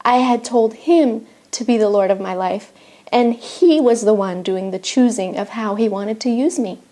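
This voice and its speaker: A native Spanish-speaking missionary from Argentina, middle-aged, shares her faith story as a personal testimony, earnest and reflective with some false starts. She talks at normal speed in a voice on the high side with a dark tone.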